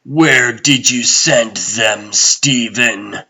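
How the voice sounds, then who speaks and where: God Emperor Doom, slow and gravelly. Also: male voice, medium pitch, background noise. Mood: cold, menacing. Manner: grandiose, commanding, deliberate. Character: imperious, menacing male tyrant who rules as god-emperor. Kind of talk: theatrical comic-dub villain acting.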